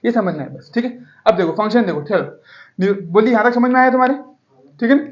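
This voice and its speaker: Speaking quickly in a high-pitched voice, a man teaches biology in Hindi and keeps asking his students to shout out the answers in call-and-response fashion. The audio is dull and echoey.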